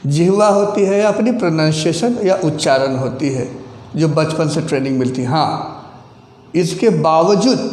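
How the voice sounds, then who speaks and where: Slow, deliberate male teacher in an echoey room. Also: fairly high pitch, a little mellow. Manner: slow, deliberate explaining with frequent "theek hai" check-ins. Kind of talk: classroom lecture. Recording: echoey room with long reverb.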